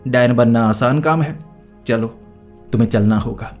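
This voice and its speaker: A man's voice: mid-range voice, moderate pace, a little mellow, faint music behind, close to an everyday voice. A man voicing a stern, proud old female witch leader who scolds and commands.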